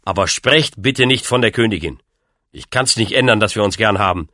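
A man's voice: lowish voice, normal speed, sharp tone, no room sound, clean studio sound. A man voicing a young knight who speaks firmly and reasonably. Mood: pleading. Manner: firm, level and reasonable. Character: young male knight, calm and earnest.

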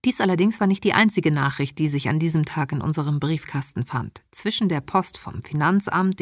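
A woman narrating a novel as an audiobook in an even, measured storytelling voice. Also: sits low, no echo, clean studio sound.

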